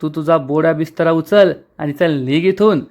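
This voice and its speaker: A man's voice: fairly high pitch, moderate pace, a little mellow, natural voice. A man voicing a quarrelsome, jealous woman who taunts her rival. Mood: taunting.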